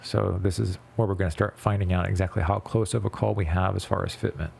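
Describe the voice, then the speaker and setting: A man talks through a hands-on tutorial in a lowish voice with plenty of gravelly fry. His nose sounds blocked and packed, congested after surgery, and his delivery is laid-back and conversational. Some background noise sits under the voice-over. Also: steady tone, quick pace, darkish tone. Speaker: video creator narrating a PC build.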